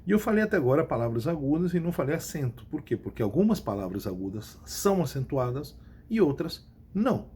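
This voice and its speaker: A man's voice: on the high side, very animated, fast, mellow, breathy edge. A man with a Brazilian Portuguese accent, teaching a recorded lesson to his class. He repeats key points and stops to check that students follow. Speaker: Spanish teacher.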